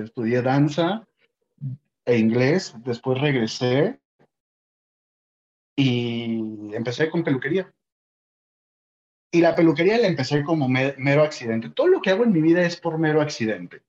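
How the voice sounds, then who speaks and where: A yoga teacher in his late thirties from Sonora, Mexico, speaks with a northern Mexican accent as an interview guest, telling stories animatedly. His voice is on the high side with lively intonation, a moderate pace and a darkish tone, and the highs are cut off.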